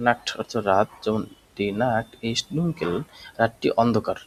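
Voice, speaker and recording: A man's voice: fairly low pitch, lively intonation, normal speed, a little hiss or hum, poor audio. A man teaching a language class, explaining step by step and answering his own questions. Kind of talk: spoken language lesson.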